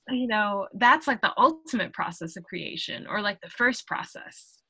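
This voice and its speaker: A woman guest artist talks through her creative process in a relaxed interview, pausing often and reaching for words. Her voice is bright and lively in tone, recorded dry and close. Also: mid-range voice, breathy edge, dry recording, low-quality recording. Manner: thoughtful, halting, with frequent fillers and laughs. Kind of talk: casual interview conversation.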